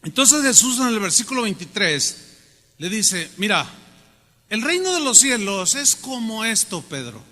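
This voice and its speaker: A man preaching a sermon, animated and often questioning the congregation. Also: high-pitched, a little slow. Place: church hall. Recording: long hall reverb.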